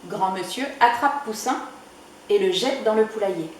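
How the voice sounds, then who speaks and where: Slow soft lady reading a kids' book, big echo, faint hum behind. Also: medium pitch, expressive. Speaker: librarian reading to children. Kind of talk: children's storybook reading. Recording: echoey room.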